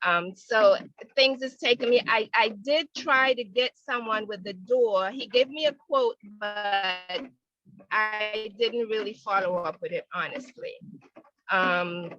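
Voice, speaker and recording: A woman calling in by phone from outdoors, testifying at a hearing in a hesitant, halting way as the line crackles and fades in and out. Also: medium pitch, sharp tone, dry recording, faint music behind. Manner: hesitant, halting, many restarts. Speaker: property owner appealing a violation. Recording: dry, muffled phone line.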